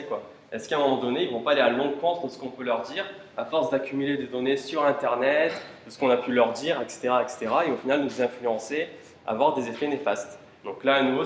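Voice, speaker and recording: In a conference room, a man speaking in a mid-range voice delivers a casual tech conference talk, peppered with fillers and rhetorical questions for the audience. Slight background noise is present. The hall sounds roomy, with faint ambience.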